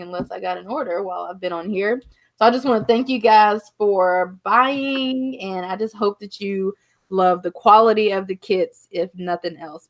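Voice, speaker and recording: A woman shop owner chatting casually on a live stream, gushing and full of filler likes. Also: mid-range voice.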